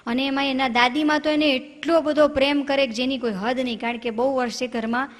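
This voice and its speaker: A woman's voice: high-pitched, fairly even intonation, fairly quick, in a large hall. A woman comedian, telling jokes and stories straight to the audience in a chatty way. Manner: chatty, addresses the audience directly. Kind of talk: comic storytelling.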